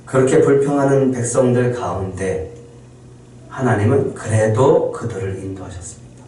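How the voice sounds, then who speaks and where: A male pastor preaching a Sunday sermon, pausing for effect and acting out quoted complaints. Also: on the low side, expressive, slight background noise. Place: church sanctuary. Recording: loud echo, distant mic in church hall.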